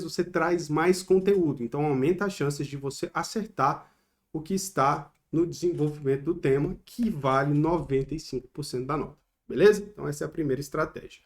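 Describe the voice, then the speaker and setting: A man's voice: a little high, darkish tone. A man with a Brazilian Portuguese accent gives an online exam-prep lesson in a slightly raised voice. He explains step by step and keeps checking in with short tag questions, recorded on a close mic.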